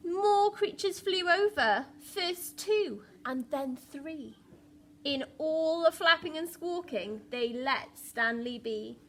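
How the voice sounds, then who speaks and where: A woman primary school teacher reads a picture book expressively to young children, adding dramatic emphasis and asking the listeners questions. Her voice is high and animated, and she reads slowly.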